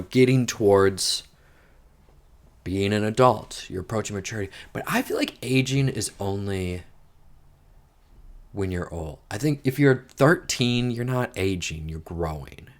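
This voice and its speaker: A low-voiced native English-speaking man hosts a podcast where he muses over a crossword in casual solo chat. He thinks aloud, wanders into rambling digressions, and swears mildly.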